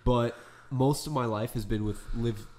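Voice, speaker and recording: A man's voice: medium pitch, moderate pace, a little mellow. A young man co-hosting a casual chat, rambling with many fillers and restarts. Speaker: podcast co-host.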